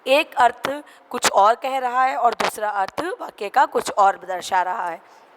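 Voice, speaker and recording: A woman teacher with a slightly high voice takes her pupils through a grammar lesson, repeating each example and checking whether they follow. Steady background noise sits under her voice. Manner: explains slowly, repeats examples, asks students questions. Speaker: school teacher. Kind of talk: online class lesson.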